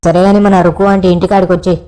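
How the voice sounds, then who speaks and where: A young man performs a village comedy skit full of cheeky, crude banter. He talks fast in a fairly flat tone. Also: sits high, slight background noise.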